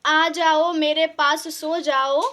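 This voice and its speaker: A woman voicing a frail, hungry old mother in her eighties who pleads tearfully and slowly in a folk tale. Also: high-pitched, little pitch movement, sharp tone, slight background noise, full character voice. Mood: pleading. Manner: tearful pleading prayer, drawn out.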